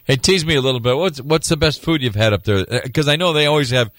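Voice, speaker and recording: A man's voice: mid-range voice, fast talker, a bit bright, no echo, clean studio sound. A male radio sports host bantering casually and cheerfully with a colleague.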